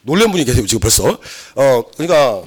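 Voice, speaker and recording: A man giving a classroom law lecture, loud and lively, quizzing the class, slightly hoarse from a cold. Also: mid-range voice, quick pace. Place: lecture room.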